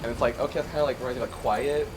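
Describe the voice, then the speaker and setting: A man's voice: medium pitch, steady tone, over music. A man co-hosting a live game stream, chatting casually and eagerly agreeing. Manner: quick, eager, constant agreeing. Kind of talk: casual chat while playing a game.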